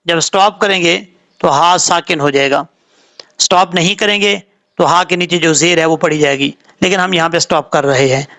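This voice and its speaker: Pakistani guy teaching quran reading, spells every letter slow then rattles off the rules, kinda high gravelly voice. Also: bright, forceful tone. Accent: Pakistani Urdu. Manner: spells out letters and vowel marks slowly, then explains rules quickly. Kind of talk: word-by-word recitation lesson.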